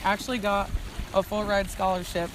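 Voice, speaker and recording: A woman's voice: mid-range voice, little pitch movement, normal speed. A woman in her twenties from Alaska, chatting and pointing out wildlife as a boat tour guide, laughing easily. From Ketchikan, Alaska. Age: 20s. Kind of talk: guided tour commentary and casual chat. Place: outdoors on a boat on the water. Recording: boat and water noise.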